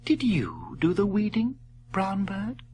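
A man voicing a kind, gentle young princess in a read-aloud story, speaking softly. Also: high voice, wildly swooping pitch, takes it slowly, a little hiss or hum, voice pushed up, full character voice.

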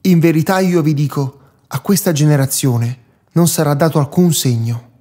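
A man's voice: fairly high pitch, normal speed, mellow, close to an everyday voice. A man reading the words of Jesus as a grave, patient teacher in a solemn, admonishing Bible reading. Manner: solemn, admonishing, rising in reproach.

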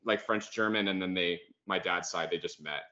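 A low, pushed and bright voice belongs to an American man in his thirties appearing as a podcast guest on a video call. He talks at normal speed in a laid-back, casual interview style, saying "like" a lot, and the call audio sounds muffled.

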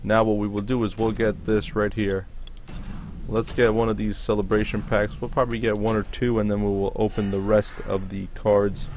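A man's voice: fairly low pitch, little pitch movement, moderate pace, darkish tone, a little hiss or hum. A man hosting a gaming video with casual commentary, reacting aloud to what appears on screen.

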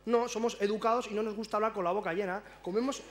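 A man's voice: high voice, fairly even intonation, quick pace. A man from La Rioja performing a stand-up monologue on stage, with stammered restarts, acting out characters in a raised voice. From La Rioja, Spain. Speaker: stand-up comedian. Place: stage at a public event.

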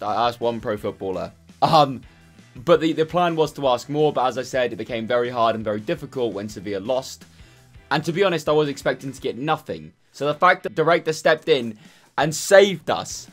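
A man in his twenties with a tired, hoarse voice, talking casually to camera indoors. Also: medium pitch. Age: 20s. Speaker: football vlogger. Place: small furnished room indoors.

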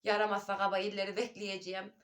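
A woman's voice: mid-range voice, level tone, fast talker, background noise. A woman and mother chatting casually to her viewers at home on a phone camera, calling them her dear friends. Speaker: vlogger and mother. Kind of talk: casual home vlog chat. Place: at home indoors.

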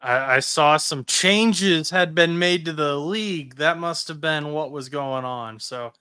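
A man's voice: fairly high pitch, unhurried, sharp tone, clean tone. A man co-hosting a sports podcast, chatting casually about football news with frequent fillers and restarts. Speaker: podcast co-host.

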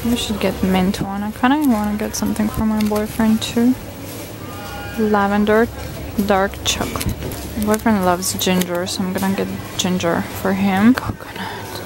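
Excitable young woman with a gravelly voice. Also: mid-range voice, moderate pace, music in the background, low-quality recording. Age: young adult. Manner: excitable, gushing over finds. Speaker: vlogger. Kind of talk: casual vlog narration. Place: shops and streets of a city, indoors and out. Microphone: handheld camera mic.

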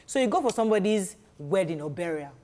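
A woman's voice: on the low side, fast talker. A middle-aged woman, hosting a panel discussion in a TV studio and acting out quoted voices as she talks. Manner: animated, gestures while talking, acts out quoted voices. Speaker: talk show host. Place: TV studio set.

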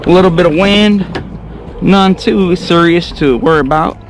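This high-pitched male voice comes at a moderate pace over background noise. It belongs to a young fishing vlogger giving casual commentary from a kayak on an open lake, recorded on an action camera, who hollers when the fish bite.

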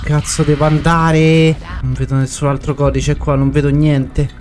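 A man's voice: fairly high pitch, level tone, moderate pace. Panicky swearing man over game music. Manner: swearing, panicky, yelling in fright. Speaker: gameplay streamer. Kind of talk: horror game let's play commentary.

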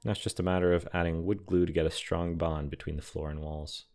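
A young man giving a calm, matter-of-fact scripted voice-over explaining how he builds a large model. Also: sits low, a little fast. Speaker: scale model and terrain builder. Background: soft background music.

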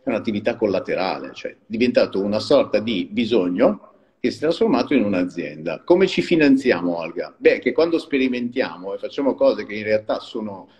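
A man's voice: lowish voice, animated, a little fast, darkish tone, big-room sound. A man, founder of a small wine company, explaining his business in a chatty live-stream interview and laughing often. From Liguria.

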